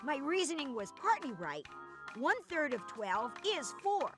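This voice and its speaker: A woman playing a theatrical, excitable magician who poses riddles in an educational computer game. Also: sits high, music in the background. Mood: puzzling aloud. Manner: theatrical, exclamatory, slow showy delivery. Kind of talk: scripted educational game character acting.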